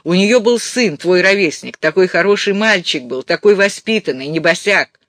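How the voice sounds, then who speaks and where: A man voicing an excitable, indignant elderly mother in an audiobook, with a scolding, emphatic manner. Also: sits high, normal speed, no room sound. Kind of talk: audiobook character voice.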